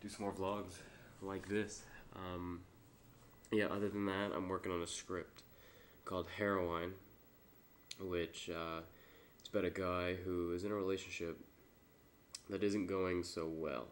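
A young man who is sick with a stuffy nose, giving a low-key, hesitant, rambling vlog update into a webcam. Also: flat delivery, measured pace, slight background noise. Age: young adult. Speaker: vlogger and amateur filmmaker. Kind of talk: casual, unscripted update vlog. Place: small room indoors. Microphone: webcam or laptop mic at arm's length.

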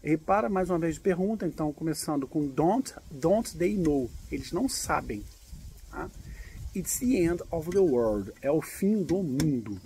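A man from Brazil teaching English in a relaxed, patient way, with guitar and snatches of singing. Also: a little high, a little slow, slight background noise. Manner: explains patiently, sings lyric lines to guitar. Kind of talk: casual English lesson.

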